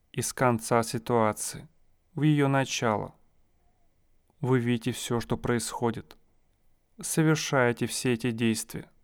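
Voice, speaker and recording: A man guiding a listener through a hypnosis session, speaking in slow, soothing, suggestive phrases. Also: mid-range voice, clear, resonant tone, no echo, studio quality.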